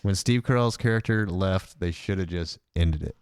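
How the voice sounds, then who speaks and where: A man's voice: sits low, normal speed, smooth, no room sound, studio quality. A young man co-hosting a podcast in casual chat, hesitant with lots of fillers and restarts. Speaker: podcast co-host.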